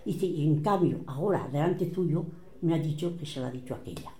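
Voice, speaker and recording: Older Catalan woman with a very dark voice. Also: deep voice, a little fast, roomy sound. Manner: animated, acts out quoted voices. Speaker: relative recounting family history. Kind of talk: oral family storytelling.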